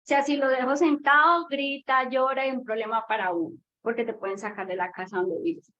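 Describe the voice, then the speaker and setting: A woman's voice: a little high, fairly even intonation, brisk, fairly bright tone. A mother, telling a long story about her child and asking a question in casual talk, with many fillers. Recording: dull lo-fi audio with faint noise.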